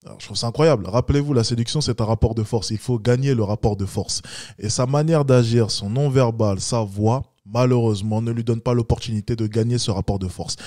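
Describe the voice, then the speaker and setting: A man's voice: dark tone, no room sound. Male dating coach, blunt and lecturing, dry close recording. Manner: blunt, lecturing, mocks with high-pitched imitations. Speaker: dating coach reacting to a street video. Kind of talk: reaction commentary.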